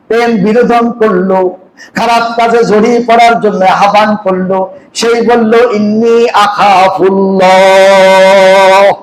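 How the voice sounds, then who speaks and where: A high-pitched man preaches a waz sermon at an unhurried, drawn-out pace. He keeps asking the crowd questions, then builds into rhythmic shouted refrains. His voice rings through an echoey venue with faint ambient noise behind it. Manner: call-and-response questions to the crowd; chants Arabic hadith slowly.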